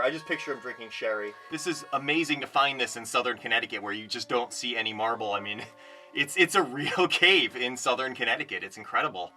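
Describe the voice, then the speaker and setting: A man's voice: mid-range voice, pushed and bright. A man chatting casually and with awe as he explores a cave as an amateur caver. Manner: awed, marveling. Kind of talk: casual exploration vlog chat. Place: in and around a small marble cave.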